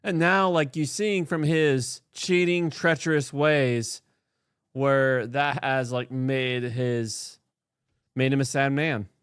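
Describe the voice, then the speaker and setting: A man with a smooth, clean voice, heard close and dry with no room sound. He chats casually while gaming, then reads scripture aloud and breaks off into animated, joking asides. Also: mid-range voice, slow, dry recording. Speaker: streamer.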